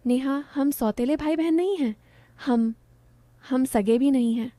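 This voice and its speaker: Woman doing a teasing young man, storybook reading, mellow, dry sound. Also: high voice, unhurried, dry recording.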